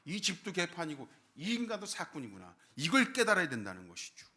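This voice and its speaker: Animated pastor preaching with wide swings. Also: male voice, on the high side, fairly quick. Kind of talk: sermon. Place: church sanctuary.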